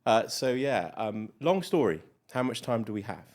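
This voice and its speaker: Middle-aged British man, very low voice, chatty interview guest, lots of fillers. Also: sing-song, moderate pace, darkish tone. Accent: British English. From Malawi. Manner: chatty, many fillers, rambling. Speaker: guest doctor. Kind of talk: casual interview chat.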